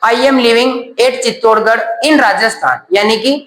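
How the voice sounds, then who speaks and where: A man's voice: very high voice, unhurried, fairly bright tone, reverberant, a little hiss or hum, rough recording. A man teaching a grammar class, asking questions and then answering them himself.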